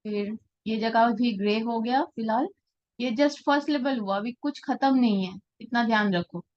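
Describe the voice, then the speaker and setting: A woman's voice: on the high side, moderate pace, a little mellow, highs cut off. A woman teaching a live portrait-drawing class, explaining patiently and often checking that her students follow. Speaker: art teacher.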